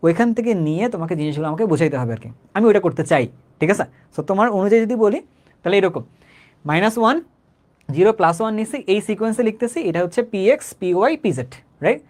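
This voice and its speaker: A young man with a Bangladeshi Bengali accent teaches a live chemistry class in a high, slightly mellow voice. He is conversational, going over points again and checking that students follow, and says he talks slowly and repeats himself.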